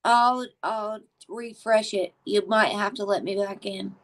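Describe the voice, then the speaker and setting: A woman's voice: medium pitch, fairly even intonation, measured pace. A woman joining a livestream by video call, her voice choppy and breaking up from a bad connection, chatting casually. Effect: choppy, breaking-up audio from a bad connection. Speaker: livestream guest. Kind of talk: casual chat.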